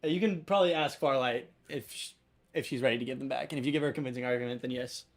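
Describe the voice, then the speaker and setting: A man's voice: mid-range voice, rapid-fire. A young man casually narrating and making rulings as game master of a tabletop game. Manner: relaxed, chatty, improvising rulings.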